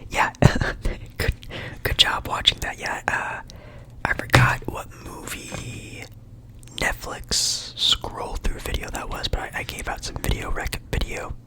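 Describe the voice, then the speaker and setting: A young man from Portland whispering a relaxed, rambling ASMR chat in his apartment. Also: poor audio. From Portland, Oregon, USA. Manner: soft rambling whisper, friendly and chatty. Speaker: ASMR creator.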